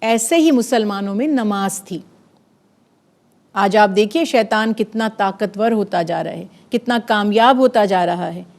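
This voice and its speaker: A woman giving an earnest, measured religious talk on a TV program, building her points through lists of repeated phrases. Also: mid-range voice, darkish tone.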